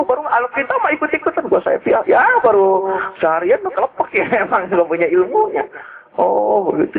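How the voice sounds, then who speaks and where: A man's voice: high voice, vocal fry, slightly rough. A man preaching in a casual, storytelling way, joking and asking his listeners rhetorical questions. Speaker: Islamic preacher. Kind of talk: casual religious teaching talk. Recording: tinny lo-fi phone-like recording.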